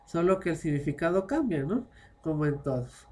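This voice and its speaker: Her voice is deep, mellow and expressive, delivered at normal speed. She's a French teacher working online, patiently explaining in Spanish laced with French and repeatedly using short tag questions to confirm everyone understands.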